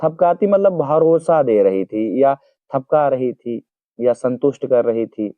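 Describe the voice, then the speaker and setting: A man teaching a Hindi poem to school students, giving each word's meaning slowly and repeating it so they can write it down. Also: mid-range voice, lively intonation, dry recording. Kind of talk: explaining poem word by word. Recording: dry, phone-like narrow sound.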